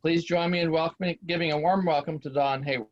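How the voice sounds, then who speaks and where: A man haltingly reading out a rehearsed speaker introduction on a video call. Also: on the high side, steady tone. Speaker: workshop participant, sales trainer. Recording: dull video call audio.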